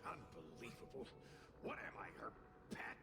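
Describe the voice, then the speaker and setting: An actor voicing a grumpy male fire spirit who lives in a girl's tail and talks in a gruff, snappish way. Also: medium pitch, huge pitch swings, moderate pace, pushed and bright. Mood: irritated. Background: game music.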